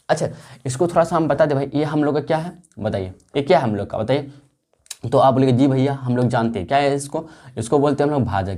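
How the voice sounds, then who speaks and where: This man's mid-range voice carries a darkish tone as he teaches maths to a class. Repetition runs throughout, and he keeps asking questions only to answer them himself.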